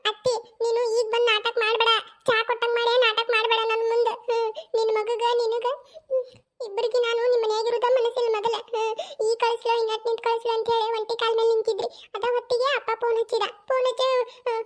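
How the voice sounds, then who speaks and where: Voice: very high voice, monotone, fast talker. A performer voicing a quarrelsome, accusing young daughter-in-law in a cartoon. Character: sulky, sharp-tongued young daughter-in-law.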